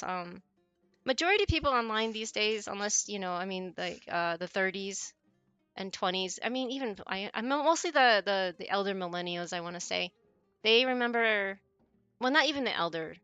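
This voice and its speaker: A woman's voice: mid-range voice, pushed and bright, smooth, dry recording. A woman in her forties, chatting casually with viewers on her stream, rambling and often correcting herself mid-sentence. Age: 40s.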